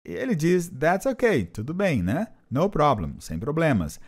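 Lively man teaching English. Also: on the high side, unhurried, husky. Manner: patient, repeats and translates phrases. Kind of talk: explanatory language lesson.

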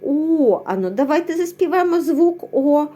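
A woman's voice: high voice, expressive, mellow. A woman teacher giving a lesson to young children, patiently asking questions and answering them herself, singing out sounds. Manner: slow, patient, asks and answers her own questions; sings out sounds and words drawn out. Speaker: kindergarten teacher.

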